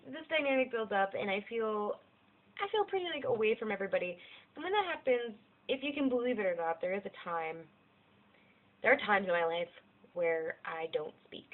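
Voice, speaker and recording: A young American woman talking candidly about her life in a rambling, self-deprecating way, swearing freely. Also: medium pitch. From United States. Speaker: vlogger. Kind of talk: casual personal vlog monologue. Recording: tinny lo-fi narrow-band audio.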